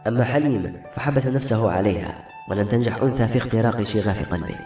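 A man narrates a novel briskly and expressively in a low voice. The recording is roomy, with faint music underneath. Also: warm tone. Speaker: audiobook narrator. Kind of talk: dramatic novel reading.

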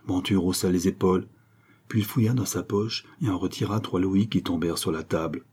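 A man narrating a novel in a steady, measured way. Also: low-pitched, husky. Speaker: audiobook narrator. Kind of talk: reading a novel aloud.

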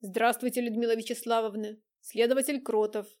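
A woman's voice: a little high, level tone, brisk, a little mellow, close to an everyday voice. A woman voicing a curt, businesslike male police investigator in an audiobook.

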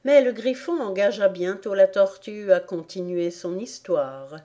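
A woman narrating a storybook audiobook at a very unhurried pace. Her voice is mellow and dark, and she reads calmly and evenly. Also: mid-range voice. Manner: slow, calm, measured. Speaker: audiobook reader.

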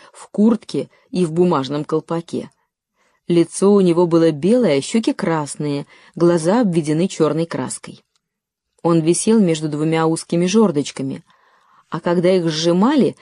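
Woman narrating with a low, mellow voice. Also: no echo, studio quality. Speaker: audiobook narrator. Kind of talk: scripted narration.

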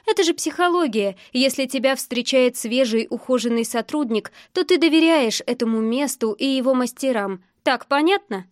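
A woman playing a confident female salon owner. She talks smoothly and persuasively, a touch higher than plain speech, in a dry, close storybook read. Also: expressive, normal speed, few pauses, no room sound. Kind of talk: audiobook character voice.

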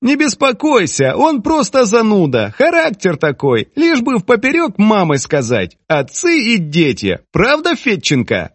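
A male narrator voicing a shrill, nagging older Soviet woman in an audiobook. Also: wildly swooping pitch, moderate pace, few pauses, husky, no echo, exaggerated voice. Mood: dismissive. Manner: high shrill nagging, exclamatory.

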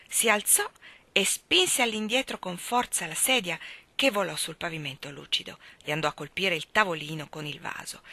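A woman reading a novel aloud in an expressive, measured way. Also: medium pitch, dry recording. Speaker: audiobook reader.

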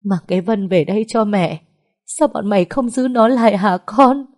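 A woman's voice: medium pitch, moderate pace, a little mellow, voice pushed up, lightly acted. A woman voicing a grieving old mother who sobs and pleads for her daughter. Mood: sobbing pleas. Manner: wailing pleading cries.

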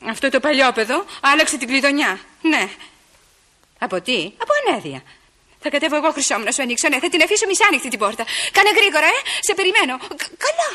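A coquettish, lively lady in love. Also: sits high, heavily acted. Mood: excited playful. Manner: lively, coquettish, quick mood swings. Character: flirtatious, theatrical lady of the house in love. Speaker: radio drama actress. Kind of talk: 1960s Greek radio theater acting.

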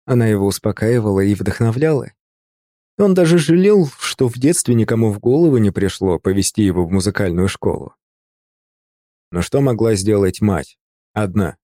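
A man narrating an audiobook in an even, measured literary reading. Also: on the low side, no room sound, clean studio sound.

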